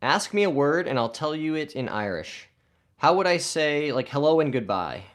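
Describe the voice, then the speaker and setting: A man's voice: fairly high pitch, sing-song, moderate pace. A man hosting a golf live stream, casually reading viewer comments aloud and answering them in an upbeat way.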